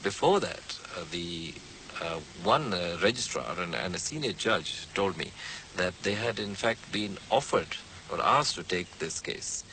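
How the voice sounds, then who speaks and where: A man's voice: lowish voice, pushed and bright, slight background noise, poor audio. A man recalling events in an interview, hesitant with many fillers yet emphatic. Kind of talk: interview recollection.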